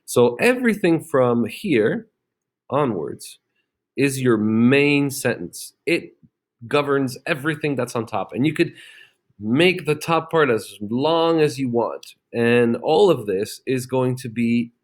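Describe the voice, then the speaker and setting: A man's voice: medium pitch, animated, slow pace. Man teaching a grammar lesson. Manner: explains step by step, often checking with "okay?"; plenty of fillers and restarts.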